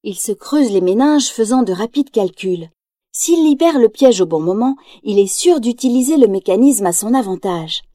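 A woman narrating a children's storybook aloud, lively and expressive. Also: a little high, moderate pace, no echo, clean studio sound. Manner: lively, acts out quotes in raised voice.

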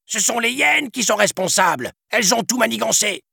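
Scar, a shrill panicking lion tyrant, as a man puts him on. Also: expressive, brisk, creaky, sharp tone, husky, dry recording, clean studio sound, full character voice. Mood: panicked.

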